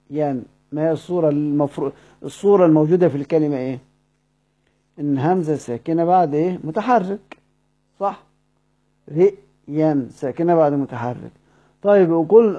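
Egyptian male recitation teacher, very dark mellow tone, muffled lo-fi lesson tape, quizzing the class. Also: on the high side. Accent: Egyptian Arabic. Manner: asks the class questions and repeats words slowly. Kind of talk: explaining a poem line by line.

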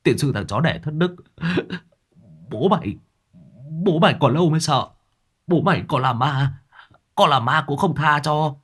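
A man voicing a brash, loud-mouthed young man who shouts fast and crudely in a high, strained voice. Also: animated, breathy edge. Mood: defiant.

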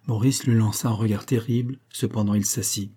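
A man narrating a classic French novel as an audiobook, at a measured, even pace. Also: on the low side, breathy edge. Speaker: audiobook reader.

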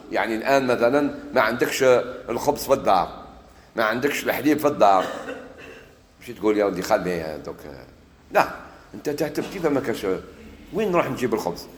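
Man, Algerian accent, sermon, solemn quotes then lively dialect explanations, long hall reverb. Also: medium pitch. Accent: Algerian Arabic. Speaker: preacher. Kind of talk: sermon mixing classical Arabic and dialect.

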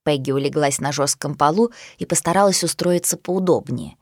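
A woman's voice: low-pitched, moderate pace, no echo, studio quality. Woman reading a children's storybook. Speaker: narrator.

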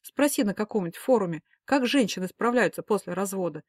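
A woman's voice: mid-range voice, animated, fairly quick, dry recording, lightly acted. A woman voicing a worried middle-aged mother who scolds and pleads emphatically. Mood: urging.

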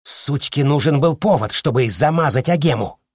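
A man voicing a scornful, defensive male vampire with a hoarse voice in an audiobook. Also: medium pitch, lively intonation, no echo, clean studio sound, pitched above the performer's own voice. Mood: hostile. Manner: defensive, sneering, drawn-out delivery.

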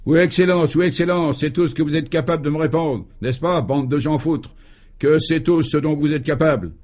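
A man's voice: on the high side, fairly quick, a little mellow, lightly acted. A man voicing an irascible, blustering male governor in a radio play, bellowing in sputtering tirades. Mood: furious. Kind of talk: 1950s radio play acting.

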